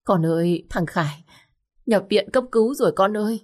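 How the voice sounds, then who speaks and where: A woman's voice: lowish voice, unhurried, breathy edge. A woman voicing an anxious older mother, tearful and pleading, in a storybook reading. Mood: distraught.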